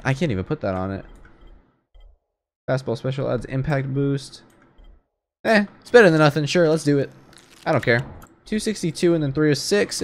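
A young man commentating as he plays a video game, rambling to himself and exclaiming in jittery bursts. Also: mid-range voice. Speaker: gamer. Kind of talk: let's play commentary.

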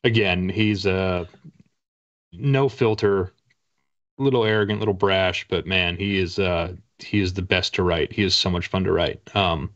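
Through slightly dull video-call audio, a middle-aged man appears as a guest author in a bookshelf-filled room, chatting casually and enthusiastically wandering through his stories. His low-pitched voice is steady, a bit bright, and measured in pace.

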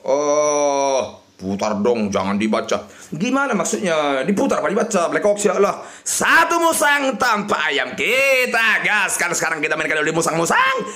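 A man, shouting and muttering over a slot game as he streams it. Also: sits high, big pitch swings, normal speed, hardly any pauses. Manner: shouting and chanting at the reels, swinging between yelling and mutters. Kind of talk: excited live slot-game commentary.

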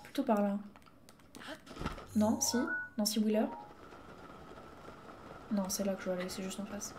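In casual live gameplay chat, a young female Twitch streamer laughs and thanks her viewers. Her voice is medium in pitch with a steady tone and measured pace, and there's background noise.

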